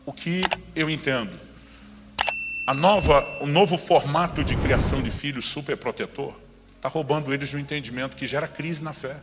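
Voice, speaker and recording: A man's voice: medium pitch, normal speed, background noise. A middle-aged man preaching a sermon, telling a personal story and acting out the dialogue. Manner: lively storyteller who acts out dialogue. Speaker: pastor. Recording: reverberant hall with faint background music.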